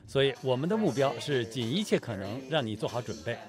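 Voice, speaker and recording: Lively male dubbed voice-over over music. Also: mid-range voice, fast. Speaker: voice-over translator for an interviewee. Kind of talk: first-person dubbed voice-over.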